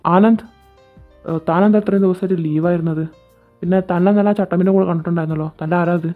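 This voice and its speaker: A woman's voice: on the low side, steady tone, lightly acted. Brief: woman as a hesitant young male teacher, stammering, tinny lo-fi sound. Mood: stern. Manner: halting, stammering. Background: faint background music.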